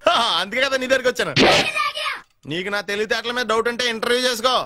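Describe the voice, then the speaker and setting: A man's voice: extremely high pitch, steady tone, very fast, background noise. An actor playing a cheeky young man in a film comedy, teasing and cracking jokes at others. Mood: wisecracking. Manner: teasing, wisecracking, laughs at others. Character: cheeky young man, quick-witted and mocking. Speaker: cheeky nephew and job seeker.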